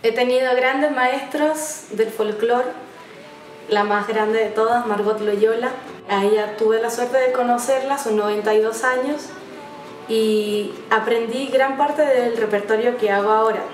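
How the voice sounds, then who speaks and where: A woman's voice: on the high side, steady tone. Chilean woman in her twenties, roomy. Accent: Chilean Spanish. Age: 20s. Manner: soft-spoken, reflective, with frequent "eh" pauses. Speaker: folk singer. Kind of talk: documentary interview. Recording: roomy sound from some distance, faint music under it.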